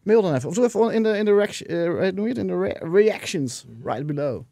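A man talks as a podcast guest, spinning loose anecdotes and swearing freely. His voice sits fairly high but has a mellow, soft tone, caught close and dry on the mic. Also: lively intonation, fairly quick, vocal fry, no echo. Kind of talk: casual chat.

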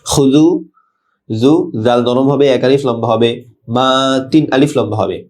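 A Bangladeshi man teaching tajweed. He recites verses slowly and drawn out, then explains each sound in quick plain speech. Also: medium pitch, warm tone. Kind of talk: tajweed lesson, word-by-word explanation.

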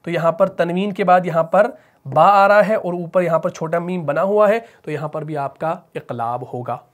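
A man with a Pakistani Urdu accent teaches tajweed in a patient, step-by-step way, asking a question and then answering it himself. His voice sits fairly high for a man. He slows into melodic chanting when he recites the verses.

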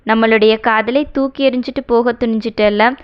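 A woman's voice: fairly high pitch, fairly even intonation, normal speed, clear, resonant tone, muffled recording, natural voice. Woman doing a hurt young husband. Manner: wounded, reproachful dialogue.

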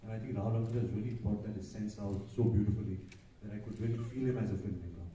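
A man in his thirties answers on stage in an earnest, halting way, leaning on "uh" and "you know". His voice is low and very dark, and it reaches the camera from far off in a large, echoing auditorium. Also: fairly even intonation, a little hiss or hum. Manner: earnest, hesitant, many fillers. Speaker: panel guest. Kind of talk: live stage conversation. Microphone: handheld mic, recorded from the audience. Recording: echoey hall, from far off.

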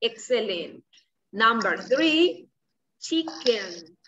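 A young woman, a native Spanish speaker, teaches small children in a slow, simple, encouraging way, as if talking to a toddler, having them repeat words. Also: fairly high pitch, very animated, background noise. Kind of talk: preschool vocabulary lesson for repeat-after-me practice. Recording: distant, slightly muffled video-call audio.

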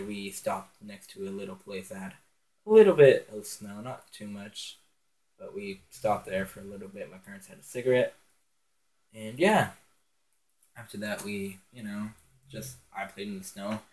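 Teen guy chatting over his game in his bedroom, lots of ums and giggles, lowish voice, phone mic on a stand. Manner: rambling and giggly, with many ums. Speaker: gaming channel host. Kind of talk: casual game commentary. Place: bedroom at home.

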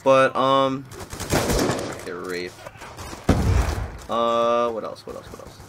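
A man's voice: mid-range voice, takes it slowly, gravelly, very noisy. A man in his twenties from Florida, chatting through live gameplay commentary and rambling as the match keeps pulling his attention. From Florida, USA. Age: 20s. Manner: rambling, easily distracted by the match. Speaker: gaming YouTuber.

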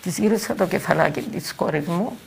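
An older woman with a Cypriot Greek accent giving halting eyewitness testimony, repeating words and phrases as she talks. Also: on the low side, creaky, a little hiss or hum. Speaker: eyewitness interviewee.

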